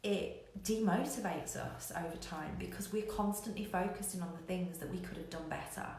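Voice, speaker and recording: This woman, a business coach running a live online show, gives frank coaching and hammers her points home through emphatic repetition. She talks at a normal speed in a gravelly, darkish voice on the low side. Faint noise and heavy echo fill the recording.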